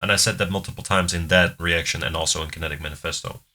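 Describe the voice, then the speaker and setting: A man's voice: low-pitched, steady tone, fast talker, bright, forceful tone. A man hosting a music reaction video, chatting casually and explaining at length with many restarts. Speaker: reaction channel host. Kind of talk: casual chat.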